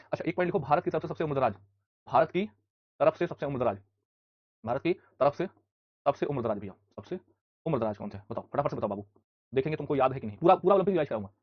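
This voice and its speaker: Guy teaching a live online class, rattles off facts super fast, husky slightly high voice, dry muffled sound. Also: no echo. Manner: fast, repetitive drilling with rhetorical questions; scolds students loudly at times. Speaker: online exam-prep teacher.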